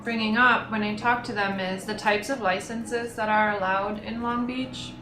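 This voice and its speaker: A woman's voice: medium pitch, steady tone, moderate pace, over music. A woman reporter explaining news in casual chat, thoughtful and hesitant with frequent ums. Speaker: business reporter, guest. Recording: echoey room, faint noise.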